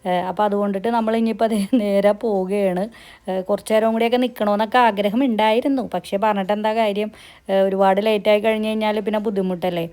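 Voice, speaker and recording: Kerala malayalam woman doing a chatty travel vlog, really quick talker, throws english words in. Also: mid-range voice, fairly even intonation, dark tone. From Kerala, India. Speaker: travel vlogger. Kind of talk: casual vlog narration.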